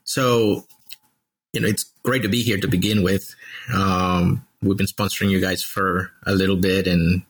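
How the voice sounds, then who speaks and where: A man in his forties with a low, husky voice, talking easily as a guest. He is from El Salvador, and he tells his story in a loose, friendly way full of fillers. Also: flat delivery, a little slow. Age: 40s. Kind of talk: casual interview.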